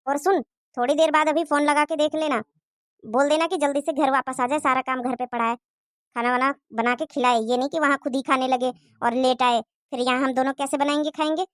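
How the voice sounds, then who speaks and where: A woman's voice: sits high, steady tone, fairly quick, no echo, studio quality, close to an everyday voice. Woman doing a nagging old mother-in-law. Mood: scolding. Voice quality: nagging, taunting.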